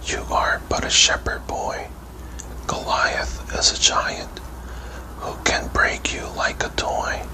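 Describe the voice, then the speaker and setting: A man voicing a worried, kindly king in a breathy whispered role-play for a children's storybook. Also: slow pace, lightly acted, poor audio. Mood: solemn concern. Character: worried, kindly king advising a young boy.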